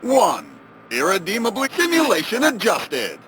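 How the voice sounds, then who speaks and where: An actor playing a malfunctioning male robot terminal in a video game that glitches, stutters error messages and drops suddenly in pitch. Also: wildly swooping pitch, measured pace, noisy background, heavily acted. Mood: glitching. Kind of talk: video game character dialogue.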